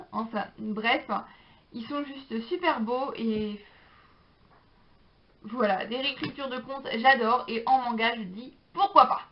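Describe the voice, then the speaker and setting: A young woman vlogging about books she borrowed, chatting casually with frequent hesitations and fillers. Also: fairly high pitch. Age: young adult. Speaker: book vlogger. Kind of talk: casual chat. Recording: slightly dull lo-fi sound.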